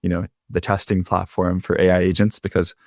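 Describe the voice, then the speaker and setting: A young man from California, a startup founder guest in a casual interview, talking in a relaxed, rambling way with many fillers, calling in from home. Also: low voice, a little fast, no room sound, studio quality. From California, Bay Area. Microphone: remote call.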